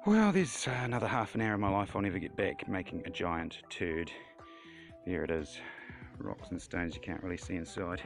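A man with a broad New Zealand accent chatting casually through step-by-step instructions, laid-back and slangy with dry, deadpan humour. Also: low voice, normal speed, over music. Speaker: home vlogger giving cooking and DIY tips. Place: house rooms, kitchen and garden. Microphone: handheld or propped phone.

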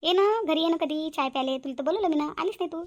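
A woman's voice: high voice, quick pace, highs cut off, close to an everyday voice. A woman voicing a bossy but neighbourly village woman in a cartoon. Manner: scolding yet neighbourly.

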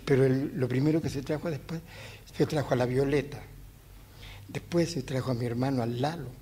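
A man's voice: medium pitch, fairly even intonation, fairly quick, warm tone, breathy edge. A man with a Chilean accent telling stories on stage in a colloquial, rambling way, chuckling as he goes. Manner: folksy, chuckling, rambling with restarts. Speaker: musician telling anecdotes on stage. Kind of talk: colloquial live storytelling.

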